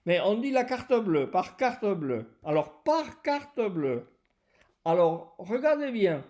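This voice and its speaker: Slow, lively woman teaching French. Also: mid-range voice. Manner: slow, repeats and translates each phrase. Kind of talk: bilingual language lesson.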